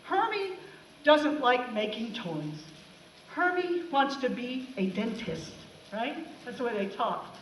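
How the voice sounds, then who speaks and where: A woman teacher jokes sarcastically through a film for her class, her voice high. She sounds far from the mic in an echoey classroom, with faint noise behind. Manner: sarcastic, animated. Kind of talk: comic classroom talk over film clips.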